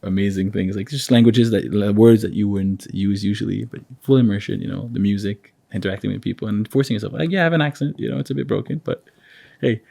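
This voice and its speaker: A man's voice: lowish voice, quick pace, creaky, dry recording. A man speaking as a podcast guest in easygoing conversation, thoughtful and agreeable. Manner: thoughtful, agreeable, warm affirmations. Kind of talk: casual conversation.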